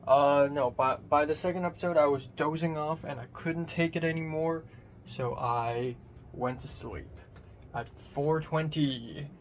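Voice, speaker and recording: A young man rambling through a casual personal vlog, swearing casually, his voice thin with no bass on a phone microphone. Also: fairly even intonation, a little slow. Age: young adult. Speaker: vlogger. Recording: thin bassless phone mic, background noise.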